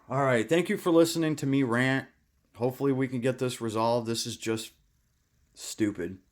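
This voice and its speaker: A man's voice: medium pitch, moderate pace. A man ranting to camera, exasperated and profane, repeating himself. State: angry. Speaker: hobbyist vlogger. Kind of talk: angry rant to camera.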